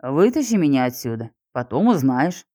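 A woman's voice: extremely low pitch, big pitch swings, normal speed, warm tone, dry recording, studio quality, pitched below the performer's own voice, heavily acted. A woman voicing a brutal, furious male villain behind bars, snarling insults in an audiobook.

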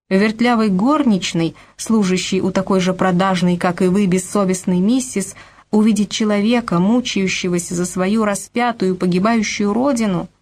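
A woman's voice: mid-range voice, darkish tone, close to an everyday voice. A woman reading an audiobook, voicing a passionate young Polish maid who speaks with raised emotion. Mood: bitter. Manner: pleading then fiercely accusing.

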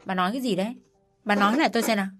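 A woman voicing a stern, quick-tempered older father-in-law who scolds his wife. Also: medium pitch, faint music behind, natural voice. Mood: stern anger. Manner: gruff, scolding.

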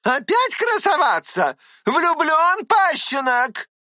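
A reader putting on a hot-tempered middle-aged woman who scolds in a high, shrill, lively voice. She exclaims and rails, her pitch jumping around sharply in this audiobook reading. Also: slow, dry recording, clean studio sound, exaggerated voice. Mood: mocking.

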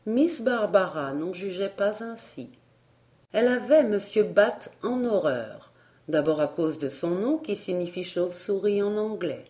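A woman reading a fairy tale aloud as an audiobook narrator, in a steady, unhurried manner. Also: medium pitch. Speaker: audiobook reader. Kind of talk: scripted storybook narration.

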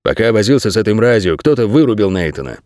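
A man's voice: lowish voice, sing-song, quick pace, a little mellow, no room sound, clean studio sound. Lenny, a man doing a brooding shepherd dog. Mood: gloomy. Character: lean male shepherd dog, gloomy and odd.

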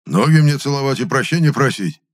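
A man voicing a burly, angry peasant with a hoarse, growling voice. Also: mid-range voice, lively intonation, a little fast, pitched above the performer's own voice, lightly acted. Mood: hostile, hoarse.

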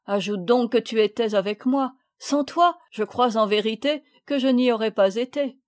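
A woman's voice: a little high, moderate pace, natural voice. A woman reading a modest, newly brave boy. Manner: modest, humble.

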